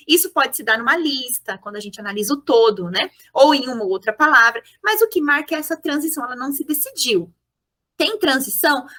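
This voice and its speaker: High, lively woman teaching a lesson. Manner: didactic, checks in with "tá?" and "né?". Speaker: teacher educator. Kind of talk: explanatory video lesson.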